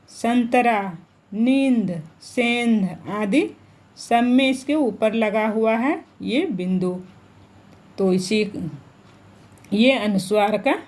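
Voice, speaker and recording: A woman's voice: medium pitch, darkish tone. A woman teaching a grammar lesson to children, repeating each point and asking them questions as she goes. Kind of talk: online Hindi grammar lesson.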